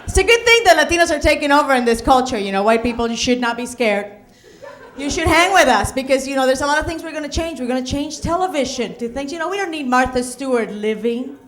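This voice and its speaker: A woman's voice: high-pitched, expressive, fast talker, a bit bright. A middle-aged woman from Puerto Rico with a Puerto Rican accent performing a stand-up comedy set, with punchy delivery and Spanish asides. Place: comedy club stage.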